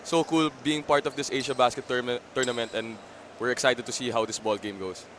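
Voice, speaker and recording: A man's voice: mid-range voice, fairly even intonation, fairly quick, fairly bright tone. A man with a Filipino accent giving color analysis in a basketball broadcast. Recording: noisy basketball court behind.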